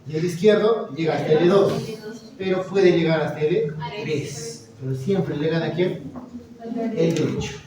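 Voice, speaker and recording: A man's voice: fairly high pitch, unhurried, a crowd in the background. A male anatomy lecturer teaching a class, quizzing students and encouraging them with frequent "very good.". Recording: echoey lecture hall, mic far off, students audible. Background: students murmuring and answering.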